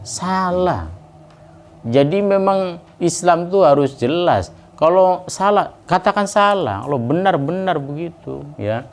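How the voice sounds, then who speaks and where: Slow-paced man teaching Quran recitation. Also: on the high side, expressive. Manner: unhurried, stretches out recited verses slowly; casual explanations in between, calls the class to repeat.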